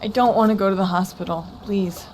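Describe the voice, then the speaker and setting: A woman's voice: mid-range voice, steady tone, brisk, a little mellow, close to an everyday voice. Woman acting, wounded frightened mother, weak delivery, video game drama, mid-range voice, slight background noise. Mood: weak, pleading. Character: frightened, weakened injured mother, pleading.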